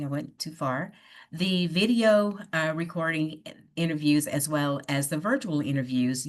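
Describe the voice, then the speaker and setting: A woman with a low voice runs a workshop over a video call. She coaches her listeners step by step and keeps checking in with "right?". The sound comes through a plain computer mic. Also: a bit bright. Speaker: workshop presenter. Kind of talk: online workshop presentation.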